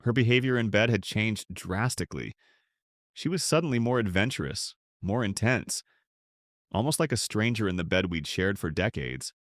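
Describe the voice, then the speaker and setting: Middle-aged male narrator, low voice, dramatic first-person storytelling, dry close sound. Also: expressive, normal speed, dry recording.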